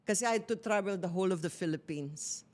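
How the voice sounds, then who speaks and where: A woman's voice: medium pitch, a little fast, darkish tone. Candid middle-aged woman, talk-show co-host, shares a personal story in casual chat. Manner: candid storytelling, mixing Tagalog and English.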